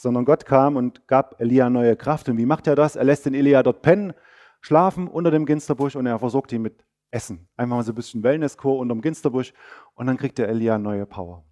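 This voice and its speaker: A man delivers a sermon as a lively, chatty story and turns again and again to speak to his listeners directly. His voice sits in a middle register with a warm, mellow tone. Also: mid-range voice. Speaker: preacher.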